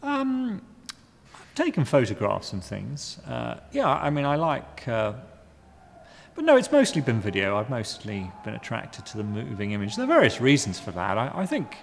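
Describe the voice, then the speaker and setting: A man in his fifties from Guyana answers interview questions about his art, halting and wry, full of ums and restarts. His voice is gravelly. The sound carries a long reverb from a large exhibition space. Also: mid-range voice, huge pitch swings, slight background noise. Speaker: artist interviewee. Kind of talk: hesitant reflective interview answers. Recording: reverberant room.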